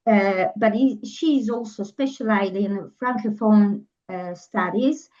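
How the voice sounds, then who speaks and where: A woman's voice: mid-range voice, measured pace, a little mellow. Woman podcast host, lots of uhs, kinda dull muffled mic. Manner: hesitant, many fillers. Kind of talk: interview introduction.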